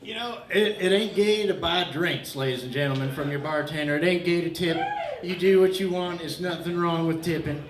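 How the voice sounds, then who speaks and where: A man doing a loud, rambling stand-up set in a bar, mock-earnest and bantering with the crowd, a little out of breath. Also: on the high side, moderate pace, slight background noise. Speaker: stand-up comedian. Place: bar stage with laughing crowd. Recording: echoey bar room, crowd laughter.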